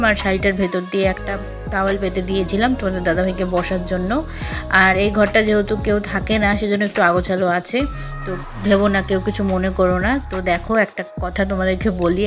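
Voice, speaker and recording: A young woman with a Bengali accent narrates her vlog in a quick, hushed voice, keeping her pitch flat and even. She sounds distant from the mic at home, and loud music plays behind her. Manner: hushed, speaking softly so as not to be overheard. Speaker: vlogger. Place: home kitchen at night.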